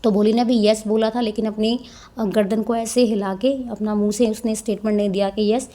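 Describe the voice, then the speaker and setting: A woman teacher, reading passages slowly and explaining them in a Hindi-mix, often adding tag questions. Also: mid-range voice, steady tone, mellow. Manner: reads English lines slowly, then explains in Hindi-English mix. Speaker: English teacher. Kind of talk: explaining a textbook chapter, reading passages aloud.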